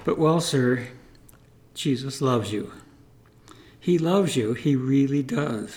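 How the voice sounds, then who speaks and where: A man voicing a soft, earnest teenage girl. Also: mid-range voice, slow. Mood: gentle. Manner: soft, pleading.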